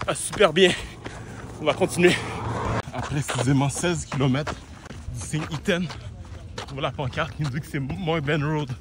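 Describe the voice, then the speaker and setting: In this casual running vlog, a man with a Quebec French accent talks into his phone mid-run on an outdoor road, out of breath and ill, mixing English slang into his speech. He speaks with a fairly high pitch at a moderate pace, amid loud outdoor noise.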